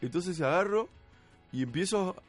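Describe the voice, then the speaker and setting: A man's voice: high-pitched, unhurried, over music. A young man with an Argentine Rioplatense accent, a podcast host animatedly telling a funny story in casual chat, acting out what people said. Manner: animated storyteller, acts out quotes, laughs often.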